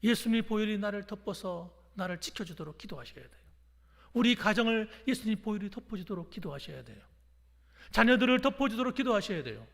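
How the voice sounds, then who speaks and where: A man's voice: high voice, lively intonation, a little fast, creaky, a bit bright. A man preaching a sermon as a pastor, fervent, calling on the congregation to repeat phrases after him. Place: church sanctuary. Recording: long hall reverb.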